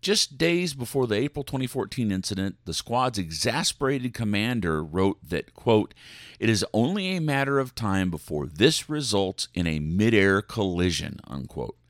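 A male podcast host reads the news aloud and comments with sarcasm and mock outrage. His dramatic, extremely animated delivery leaps and dips in pitch, at normal speed with few pauses, captured in a close, very dry recording.

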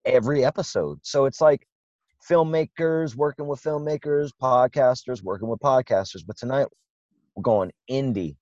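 A man chats casually and with enthusiasm as a podcast co-host. His medium-pitched voice is recorded very dry, with a slightly dull, muffled sound. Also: darkish tone, dry recording.

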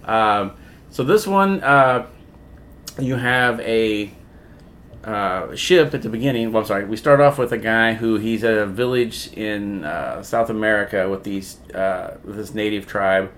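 A man's voice: fairly low pitch, measured pace, a bit bright, a little hiss or hum. A man co-hosting a casual podcast, retelling a movie plot in a loose, profane way. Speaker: podcast co-host.

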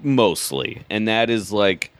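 A man with a somewhat low voice, a comedian in a relaxed conversation. He chimes in often with quick remarks. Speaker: stand-up comedian. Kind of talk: casual chat.

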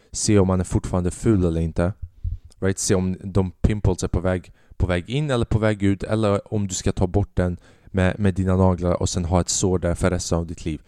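Brief: low-voiced twenties male comic, profane rambling monologue, dry close sound. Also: dry recording. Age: 20s. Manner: profane, rambling, animated storytelling. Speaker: podcast host and stand-up comedian. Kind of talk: casual comedic monologue.

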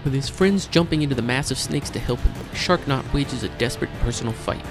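A man with a mid-pitched voice reads scripted adventure narration. He serves as storyteller for a tabletop game, with music clearly behind him. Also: a little fast.

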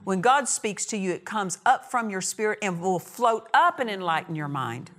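A woman's voice: medium pitch, lively intonation, moderate pace, a bit bright. A woman preaching a sermon in a church, with emphatic repetition and short punchy phrases. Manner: emphatic, repeats key phrases, acts out quoted dialogue.

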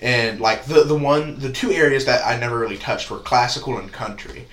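A man's voice: mid-range voice, a little fast, a bit bright. A nineteen-year-old man talking as a podcast guest, rambling casually with lots of "uh" and "like" fillers. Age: teens. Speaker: podcast guest, spoken word poet. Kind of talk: casual interview chat. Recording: echoey room with faint noise.

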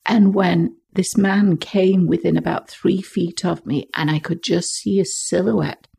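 An older woman from England, a podcast guest, telling vivid childhood stories expressively and hushing her voice for suspense. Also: fairly low pitch, unhurried, gravelly, slightly rough. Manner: expressive, dropping to hushed tones for suspense.

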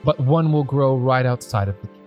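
A man's voice: medium pitch, a little fast, highs cut off, over loud music. A man acting as game master, casually narrating a tabletop role-playing game and explaining its rules.

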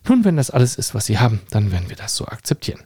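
A man voicing a flustered female Belgian clerk who breaks into shrill, gasping outbursts. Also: sing-song, rapid-fire, dark tone, breathy edge, dry recording, studio quality. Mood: stiff.

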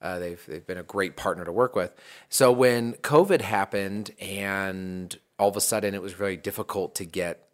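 A man's voice: low-pitched, normal speed. A man co-hosting a casual podcast as a small business owner, talking loosely with many fillers and restarts.

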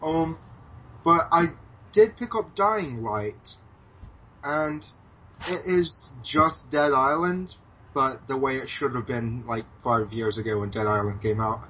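A man's voice: mid-range voice, takes it slowly, fairly bright tone, slightly rough, dull audio. An American man co-hosting a podcast, chatting casually, hesitant with many ums and restarts, swearing now and then. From United States. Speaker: podcast co-host. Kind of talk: casual chat about video games.

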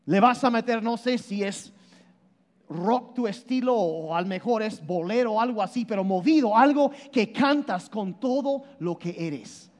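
A man preaching a sermon, animated and emphatic, often repeating and restarting his words as he explains. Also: unhurried. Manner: animated, shifts between loud emphasis and low intensity. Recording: long hall reverb.

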